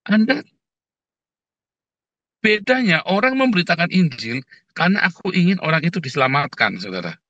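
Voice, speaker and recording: Male preacher, mid pitch, forceful and bright, chatty sermon delivery, dry, slightly dull recording. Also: dry recording. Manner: conversational, often addresses listeners as "Saudara", acts out quoted prayers. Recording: dull lo-fi sound.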